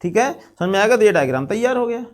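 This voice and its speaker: A man's voice: high voice, very animated, fast talker. A man teaching a school geometry lesson step by step, repeating key phrases and addressing students as his children. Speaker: math teacher. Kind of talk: classroom lesson on geometry constructions.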